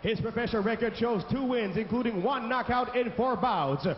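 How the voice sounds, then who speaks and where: High-pitched booming male arena announcer. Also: normal speed, dull audio. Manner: booming, formal, theatrical. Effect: arena public-address system. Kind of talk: bilingual arena announcer introductions, drawn-out names. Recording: echoing arena PA, band-limited, noisy.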